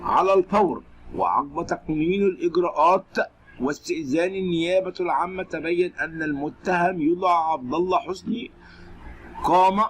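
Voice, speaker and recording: A man's voice: high voice, slightly rough, low-quality recording. A man with an Egyptian accent narrating scripted news reports and commentary. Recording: steady background noise.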